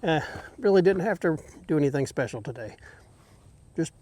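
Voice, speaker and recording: A man's voice: on the high side, lively intonation, normal speed, a little mellow, no room sound. A man vlogging by himself outdoors, talking casually into an action camera he holds, with rambling filler words and a bout of hiccups. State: has the hiccups. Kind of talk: casual solo vlog. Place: outdoors by a lake dam. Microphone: action camera held by the vlogger.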